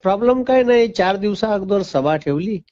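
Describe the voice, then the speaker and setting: A man's voice: sits high, expressive, fairly quick, darkish tone. A man who runs an academy, answering a landline phone call and lecturing the caller firmly. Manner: firm, lecturing, talks over the caller. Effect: over a landline phone. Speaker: academy teacher. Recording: muffled phone line.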